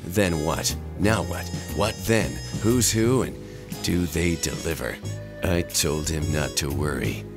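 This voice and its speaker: A gravelly hard-boiled detective. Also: male voice, very deep voice, slow, full character voice. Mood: brooding. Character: hard-boiled male detective, slow and brooding. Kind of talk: film-noir detective narration. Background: guitar music.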